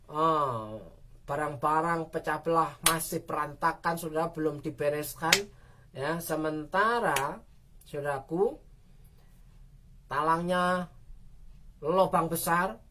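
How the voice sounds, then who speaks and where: Woman pastor, slow devotional storytelling, addresses listeners often. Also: deep voice, noisy background. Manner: storytelling with frequent "saudaraku" address, cries out prayers. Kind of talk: devotional prayer sermon.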